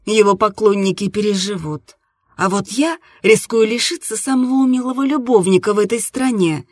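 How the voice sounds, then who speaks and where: A sultry, self-assured woman, breathless and teasing, her voice lifting higher and brighter than the narrator's own, as a female reader puts her on. The tone is slightly husky and the recording is dry and close. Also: moderate pace, dry recording, natural voice. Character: sensual, playful, confident adult woman.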